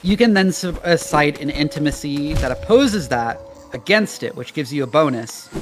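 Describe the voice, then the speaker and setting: A man's voice: on the high side, expressive, normal speed. A man in a casual chat, eagerly explaining the rules of a tabletop game at length.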